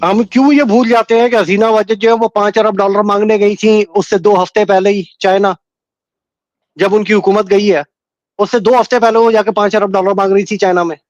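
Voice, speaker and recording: A man's voice: high-pitched, steady tone, fairly quick, darkish tone, no room sound, lo-fi sound. A man joining a political panel remotely, combative and mixing English phrases into his speech.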